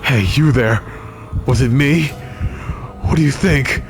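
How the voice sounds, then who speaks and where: A man voicing an exhausted, furious middle-aged man who yells and curses bitterly. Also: medium pitch, slow pace, soft background music, voice pushed up. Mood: enraged. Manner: yelling, cursing and bitter.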